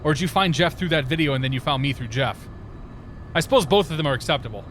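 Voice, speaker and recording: A man with a fairly high, animated voice talks quickly and a bit brightly over faint hiss, his headset audio typical of a livestream. He chats casually while flying a flight simulator, greeting viewers by name as he goes.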